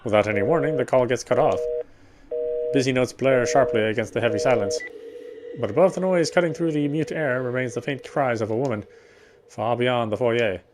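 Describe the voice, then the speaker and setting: The recording is very noisy, and the man's medium-pitched voice moves a little fast. He reads a visual novel's first-person narration aloud while playing, taking care but sometimes slipping up and correcting it.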